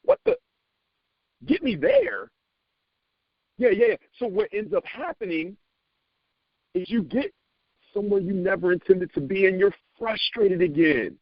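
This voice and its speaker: A man giving a motivational talk to a sales team, animated and preacherly, repeating phrases and stumbling over words when he gets excited. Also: sits high, normal speed, dry recording, dull audio.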